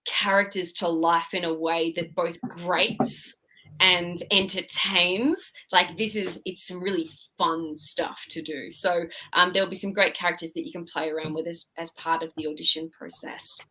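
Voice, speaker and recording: A woman with a slightly low but very bright, forward voice speaks as a director in a casual interview. She is animated and informal, working out her thoughts aloud as she talks. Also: normal speed, poor audio. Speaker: director of theatre podcast productions. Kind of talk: casual interview talk about upcoming productions.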